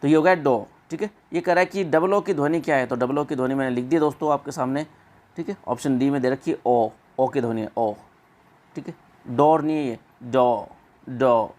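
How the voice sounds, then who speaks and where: A man teaching an exam-prep English pronunciation lesson, repeating words slowly and drawn out. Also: medium pitch, darkish tone.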